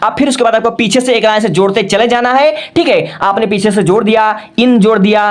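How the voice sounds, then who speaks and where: A man's voice: high-pitched, a little fast. A male teacher giving a patient, step-by-step lesson, often checking in with "okay" and spelling words out letter by letter. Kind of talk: classroom-style lesson.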